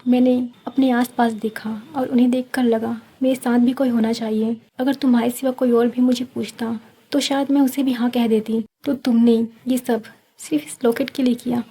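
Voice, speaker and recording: An innocent young woman, scared but defiant as she guards her locket, as a woman reads her part. The tone is husky and breathy, and it stays flat and fairly high. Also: normal speed. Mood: hurt. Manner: pleading, defiant.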